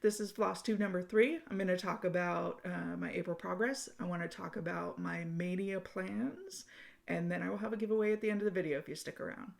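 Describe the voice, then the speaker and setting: A woman with a somewhat low, gravelly voice that has plenty of fry. She hosts her own hobby channel and talks in a casual, friendly way, with a few ums as she goes through her updates. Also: a little fast. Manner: chatty and friendly, with frequent ums. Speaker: cross-stitch channel host. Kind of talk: casual vlog progress update.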